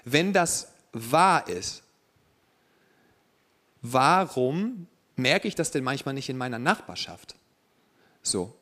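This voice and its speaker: A young man preaching a sermon to a congregation in a relaxed way, with joking asides. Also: on the high side.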